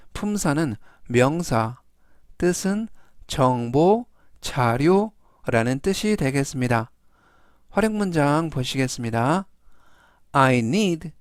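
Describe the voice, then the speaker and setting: A man teaching English vocabulary in formal polite speech, saying each word slowly several times and then explaining it step by step. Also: medium pitch, clean tone, no echo, studio quality. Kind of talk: slow, deliberate vocabulary lesson.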